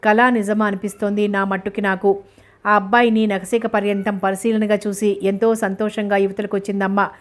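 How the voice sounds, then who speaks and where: A woman narrating a novel in a steady, even reading manner. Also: medium pitch, moderate pace.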